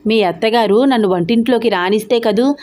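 A woman's voice: fairly high pitch, brisk, darkish tone, natural voice. A quarrelsome toothless old mother-in-law, as a woman narrator puts her on, scolds and grumbles at her family. It is told as a spoken storybook. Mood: scolding.

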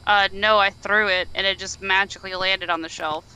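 A player in a co-op game who talks bluntly, tells the others what to do and swears freely. The voice sits at a middle pitch and comes over a headset. Noticeable noise runs under the voice-chat audio. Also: fairly even intonation, normal speed, pushed and bright, low-quality recording. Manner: blunt and bossy, swears often. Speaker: teammate in a co-op ghost-hunting game. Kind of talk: casual gaming chat.

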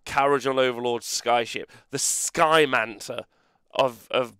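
A man hosting a casual gaming podcast, rambling and animated, with mock-outraged banter. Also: mid-range voice, measured pace, clean tone, dry recording, clean studio sound. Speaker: host.

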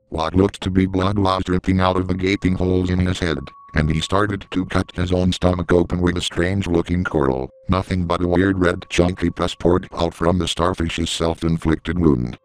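Deep, smooth-voiced male horror narrator. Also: poor audio.

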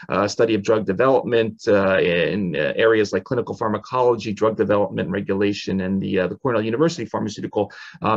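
On a lo-fi headset connection from his home office, a man in his forties with a lowish voice hosts a podcast over video call. He works through a long guest introduction, saying "uh" often.

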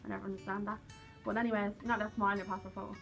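Talking fast in a level, gravelly, slightly bright medium-pitched voice, this young Irish vlogger chats to camera in a rambling, self-deprecating way. She's indoors in a cramped, cluttered room at home, with faint music behind her.

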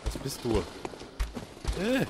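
A man with a slight cold and a sniffle plays a game and chats casually to viewers, reacting aloud as he goes. His mid-range voice swings hugely in pitch while he takes things slowly, over heavy background noise.

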